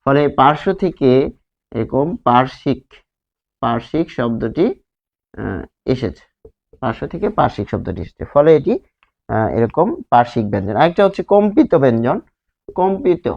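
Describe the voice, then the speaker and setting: A man's voice: medium pitch, expressive, moderate pace, gravelly, long pauses, a little mellow. A male teacher from Bangladesh giving a grammar lesson, asking and answering his own questions and drawing out sounds to demonstrate them. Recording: slightly dull lo-fi sound.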